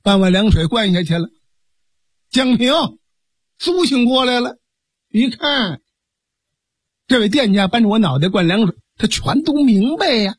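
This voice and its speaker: Lively husky male storyteller. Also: sits high, measured pace, long pauses, no echo, clean studio sound. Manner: lively, dramatic storyteller's delivery. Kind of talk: traditional oral storytelling narration.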